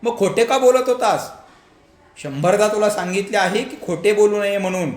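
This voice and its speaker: A man voicing an angry but caring village father in a storybook reading, questioning his son loudly. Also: high voice, normal speed, voice pushed up, lightly acted. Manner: loud, demanding. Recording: echoey room, faint background hum.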